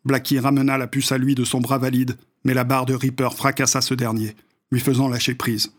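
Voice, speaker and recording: A man reading a story aloud as narrator, at a measured, even pace. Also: medium pitch. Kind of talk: audiobook narration.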